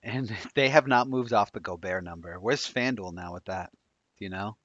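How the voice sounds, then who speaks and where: Thirties man, very low voice, quick chatty odds talk, dry lo-fi sound. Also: a bit bright, no room sound. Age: 30s. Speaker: sports betting show co-host. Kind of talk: casual live-stream chat. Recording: dry, dull lo-fi mic.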